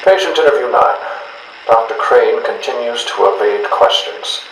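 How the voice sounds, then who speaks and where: An actor playing a stern, weary asylum doctor with a formal, clinical manner on a video game interview tape. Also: male voice, mid-range voice, normal speed, fairly bright tone, natural voice. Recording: roomy, noisy, distant interview tape.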